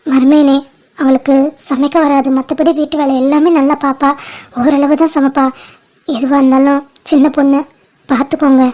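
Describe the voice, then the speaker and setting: Tender, pleading mother, voiced by a woman; high, flat, mellow voice; homemade cartoon. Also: moderate pace, close to an everyday voice. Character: tearful mother seeing her daughter off. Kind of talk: amateur cartoon voice acting.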